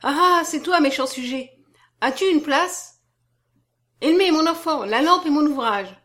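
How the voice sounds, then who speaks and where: A woman reading an audiobook, voicing an elderly lady just woken from sleep who speaks in a high, loud, fussy way. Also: expressive, a little slow. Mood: startled fondness. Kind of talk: audiobook character voice.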